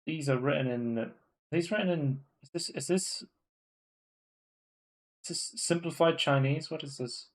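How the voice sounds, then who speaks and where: A man with a slightly high voice co-hosts a live gaming podcast from a room at home, speaking at a measured pace with long pauses. He rambles casually through tech news, full of fillers and restarts.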